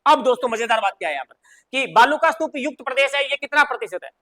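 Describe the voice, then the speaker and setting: A man's voice: very high voice, lively intonation, fast talker, bright, forceful tone. A man with a Rajasthani accent teaching a live online class, chatty and repeating questions for his students. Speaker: coaching teacher.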